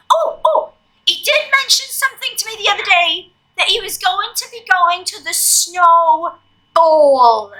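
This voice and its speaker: Woman as Kate the Elf, squeaky and bright. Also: full character voice, poor audio. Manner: chirpy, coaxing, talks to the children. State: slightly hoarse. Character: cheery female Christmas elf, bubbly and playful. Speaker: fitness instructor. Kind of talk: children's online exercise class.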